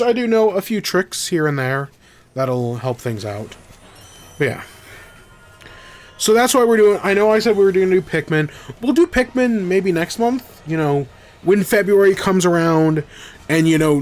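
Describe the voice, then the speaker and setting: Soft music plays behind this young podcast host, whose voice runs on the high side with lively intonation, a darkish tone, and normal speed. He chats casually about games on a livestream, rambling and self-correcting. A cold has left him congested and scratchy-throated.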